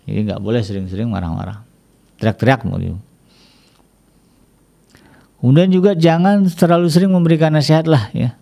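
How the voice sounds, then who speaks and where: A man giving casual religious advice on family life, chatty, with many small "ya" tags and lively acted-out complaints. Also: mid-range voice, a little fast, creaky, long pauses. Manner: chatty, peppers speech with "ya", acts out quoted complaints in a raised voice. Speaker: Islamic family speaker.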